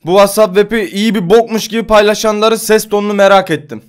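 A man's voice: high voice, fairly even intonation, fast, clear, resonant tone. A man in his twenties ranting on his vlog, exasperated and swearing, repeating himself. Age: 20s. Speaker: vlogger.

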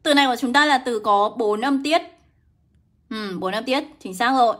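Brisk, bright-voiced woman English teacher. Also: a little high. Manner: brisk, coaxing, greets viewers by name. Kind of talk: livestream lesson.

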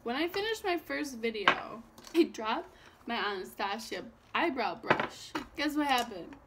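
A young woman with a high voice, giggly and drunk, chats to the camera in a brash, sweary way. Her delivery is unhurried and loose. There is noticeable noise in the homemade recording. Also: lively intonation. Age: 20s. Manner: giggly, tipsy. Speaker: makeup vlogger. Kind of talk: casual chat while doing makeup. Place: small room at home, indoors. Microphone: built-in camera mic at arm's length. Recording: noisy home webcam-style recording.

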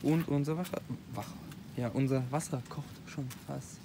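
A man's voice: mid-range voice, steady tone, normal speed, low-quality recording. A young man, a student, vlogging casually outdoors and thinking aloud with fillers. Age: young adult. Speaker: travel vlogger. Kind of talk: casual vlog commentary. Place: outdoors by a lake, later beside a van. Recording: outdoor recording with clear noise. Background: clear outdoor noise.

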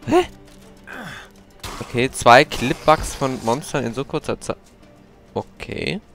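A young man casually commenting while he plays a video game, chatty and prone to startled, high-pitched outbursts. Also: sing-song, slow pace, gravelly, fairly bright tone, soft background music. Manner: chatty, exclaims and jumps to high-pitched yelps when startled. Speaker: let's play gamer.

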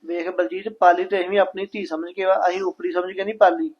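A man playing a father who reasons calmly with his wife in a family drama. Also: sits high, fast, slightly rough, dull audio. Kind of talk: scripted family drama acting.

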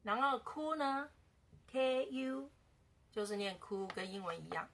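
Woman language teacher, bright and a bit gravelly, casual beginner lesson, repeats words slowly. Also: medium pitch, animated, slight background noise.

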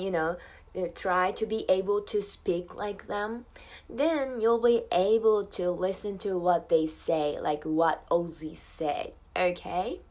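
A woman teaching an English lesson, saying model phrases slowly and carefully, then explaining quickly and repeating drill lines for learners to copy. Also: lowish voice. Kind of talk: language lesson.

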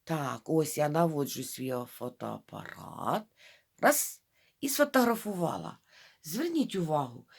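A woman teaching young children to read, sounding out syllables slowly and talking straight to them. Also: deep voice, sing-song, gravelly, breathy edge. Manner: drawn-out syllable-by-syllable modelling of reading; addresses children directly, coaxing. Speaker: primary school teacher. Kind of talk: reading lesson for young children.

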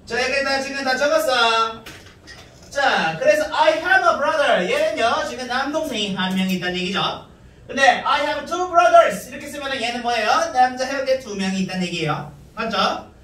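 A man's voice: very high-pitched, lively intonation, normal speed, sharp tone, a little hiss or hum. A man teaching a middle school English grammar class, repeating points and quizzing students with rhetorical questions. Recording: echoey room, from far off.

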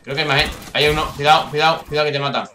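A young man from Spain with a Castilian accent commentates live gameplay, swearing a lot and bursting into high yelps at kills and misses. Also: fairly even intonation, very fast, reverberant, background noise. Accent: Castilian Spanish. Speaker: gaming youtuber.

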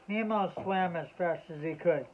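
A man reading a children's bedtime story aloud in a slow, measured way. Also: a little high, noisy background. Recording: tinny lo-fi phone-like audio.

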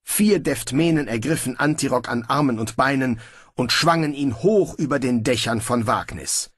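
Husky male audiobook narrator. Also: mid-range voice, moderate pace, fairly bright tone, dry recording, clean studio sound.

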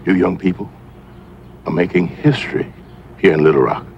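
A wise old grandfather, deep-voiced. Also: normal speed, vocal fry, slight background noise. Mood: gently counselling. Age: older. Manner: gentle, steady, counselling tone. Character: wise, patient old grandfather in a film drama. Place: outdoors by a porch.

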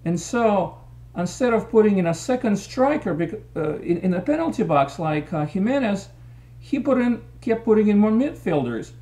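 Talking to his desk webcam from a small room, a middle-aged man delivers opinionated soccer commentary after a match and gestures while breaking down tactics. He has a high, dark-toned voice with big pitch swings and a moderate pace.

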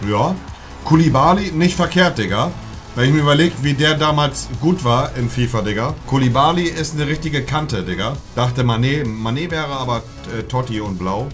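Streamer, young man, mid-pitched voice, slangy live-stream chat over faint game music, breaks into loud shouts at big pulls. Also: normal speed. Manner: slangy, says "Digga" constantly, bursts into shouting at good pulls. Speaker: streamer opening FIFA packs. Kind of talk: casual live-stream commentary.

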